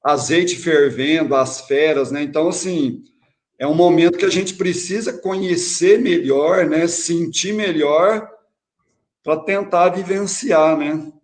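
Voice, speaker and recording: A man's voice: fairly high pitch, slow. Reflective man hosting with frequent "né". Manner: reflective, many tag questions. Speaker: host. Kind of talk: spiritist online talk.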